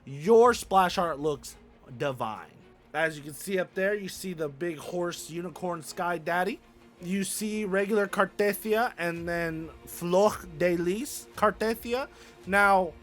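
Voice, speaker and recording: Young man, gaming host, high voice, playful slangy delivery, faint music behind. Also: a bit bright. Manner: hyped and playful, slangy, repeats phrases. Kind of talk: casual gaming commentary.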